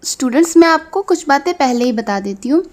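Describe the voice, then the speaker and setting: A woman with an Indian accent teaching a phonics lesson to children. She sounds out letters slowly and checks for understanding. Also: sits high, expressive, a little mellow. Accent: Indian English. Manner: slow, drawn-out sounding of letters; repeats "theek hai" to check understanding.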